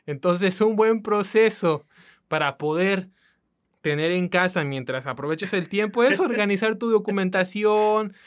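A woman's voice: mid-range voice, animated, measured pace. A woman from Mexico with a coastal accent, co-hosting a casual podcast in a colloquial, chatty way that speaks straight to listeners. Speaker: podcast co-host.

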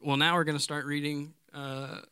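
A young man with a smooth, resonant voice hosts a casual podcast. He introduces the episode at an easygoing pace and laughs often with his co-hosts. The sound is dry and close. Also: fairly high pitch, flat delivery, normal speed, pushed and bright, dry recording. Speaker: podcast host. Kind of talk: casual chat.

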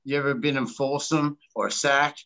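A man's voice: medium pitch, steady tone, normal speed, fairly bright tone. A man in casual podcast chat, emphatic and repetitive, peppering his talk with dude and man. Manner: emphatic, repeats himself, says dude and man.

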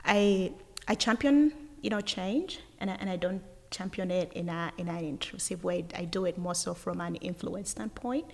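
A woman from Uganda speaks as an interview guest, energetic and thoughtful, often restarting mid-sentence. Her voice sits low with a gravelly edge. The recording carries a long reverb tail. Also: moderate pace. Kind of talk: casual interview chat.

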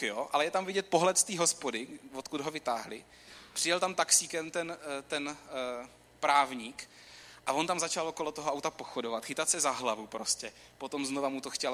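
A man giving an informal, conversational sermon, talking straight to his listeners. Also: a little high. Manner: conversational, animated, talks straight to the audience. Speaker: preacher. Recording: long hall reverb with faint room noise.

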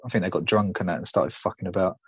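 A man's voice: deep voice, quick pace, crowd noise. A man chatting casually on a podcast, a laid-back, sweary storyteller. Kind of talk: casual chat.

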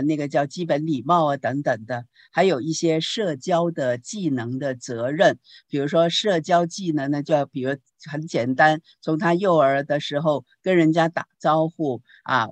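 A woman pastor giving a teaching talk on parenting, telling anecdotes in a lively way and asking the audience questions. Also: deep voice, dry recording. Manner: lively storytelling with rhetorical questions.

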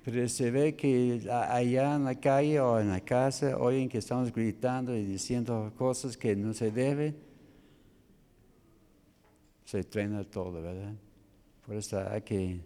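A male preacher giving a sermon on a scripture passage, halting and spelling out Greek words letter by letter. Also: mid-range voice, dark tone, clean tone.

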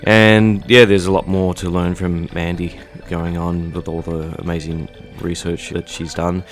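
A very low-voiced man introduces his podcast episode in an easygoing, chatty way. He talks from a studio, with faint music in the background. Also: unhurried. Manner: relaxed, conversational, with fillers. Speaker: podcast host. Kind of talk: casual spoken intro and interview. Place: recording studio.

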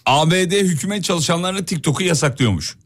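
A man's voice: on the high side, expressive, quick pace, fairly bright tone. A man hosting a radio show, bantering casually and teasing his co-host. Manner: teasing, laughs often.

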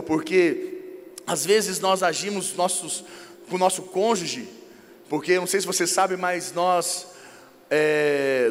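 A man with a Brazilian Portuguese accent preaches in a high, lifted voice, telling everyday stories in a lively way. His words ring out with a long hall reverb behind them, and he slips into acted dialogue as he explains. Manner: lively storyteller who acts out dialogues. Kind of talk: informal sermon on marriage.

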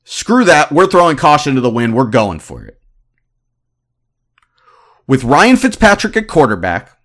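A man in his thirties giving opinionated sports commentary as a podcast host, ranting in an animated, exasperated way. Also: medium pitch, unhurried. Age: 30s.

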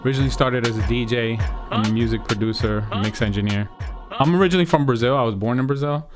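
A man's voice: mid-range voice, quick pace, music in the background. A man who grew up in New Jersey, a DJ and producer, talking in a casual, slangy interview. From New Jersey, USA. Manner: laid-back, slangy storytelling. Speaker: DJ and music producer being interviewed.

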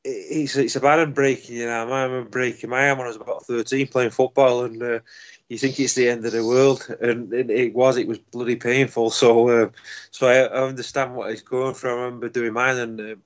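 A man's voice: mid-range voice, flat delivery, a little fast, lo-fi sound. A man co-hosting a casual podcast, telling jovial stories and laughing at his own tales. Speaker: podcast co-host.

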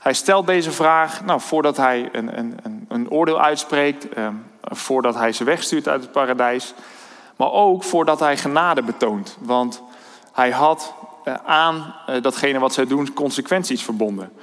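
A man preaching a sermon, thoughtful and hesitant, often pausing on fillers and restarting his sentences. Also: mid-range voice, a bit bright. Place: church hall. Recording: long church-hall reverb.

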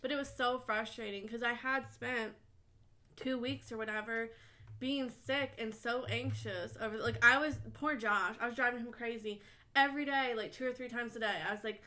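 Bright-voiced chatty young woman. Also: fairly high pitch, fairly even intonation, normal speed. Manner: chatty, anxious and laughing, many "like" fillers. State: out of breath. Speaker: podcast co-host. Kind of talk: casual chat.

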